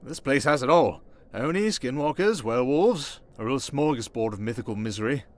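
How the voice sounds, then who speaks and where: In an ASMR roleplay, a man voices a suave, sarcastic vampire aristocrat who makes vain small talk with another prisoner. His mid-range voice moves with lively intonation at a normal pace and sounds close to how he'd normally talk, in a chatty mood.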